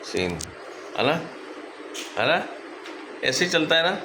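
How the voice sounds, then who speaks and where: A man vlogs casually about his pet birds, chatting to viewers while coaxing the birds with repeated calls and baby talk. His voice is on the high side, sing-song and slow. The echoey room is full of loud bird chatter and background noise from the calling birds.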